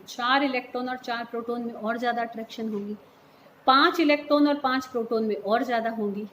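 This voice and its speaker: Woman teacher, fairly high voice, patient explainer, echoey room with faint hum. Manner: patient, explains step by step, checks understanding by calling students "beta". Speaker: chemistry teacher. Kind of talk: classroom lecture mixing Hindi and English terms.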